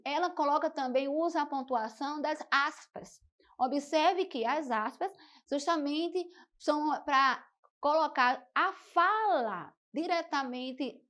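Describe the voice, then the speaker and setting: A woman's voice: high-pitched, fairly bright tone. A woman teacher giving a televised school lesson, explaining step by step and often saying "então" and "né". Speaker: Portuguese teacher.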